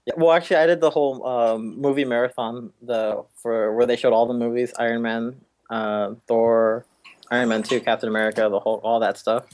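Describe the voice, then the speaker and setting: A man's voice: mid-range voice, steady tone, a little fast, a little mellow, dry recording. Hesitant guest man, dry close sound. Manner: hesitant, stammering, with fillers. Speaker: podcast guest. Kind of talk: casual podcast chat. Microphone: computer mic over voice chat.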